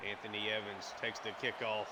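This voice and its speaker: A man's voice: on the low side, flat delivery, fairly quick, very noisy. Man calling a football video game. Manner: conversational, filler-heavy, hiccuping. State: has the hiccups. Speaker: gaming YouTuber. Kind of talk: play-by-play game commentary.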